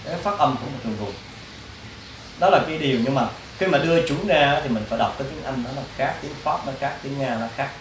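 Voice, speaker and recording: A man's voice: medium pitch, fast talker. A man, a Buddhist monk, giving a casual, rambling dharma lecture to monastic students, often asking them questions. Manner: rambling, repetitive, addresses listeners directly with questions. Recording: roomy, distant mic, faint background hiss.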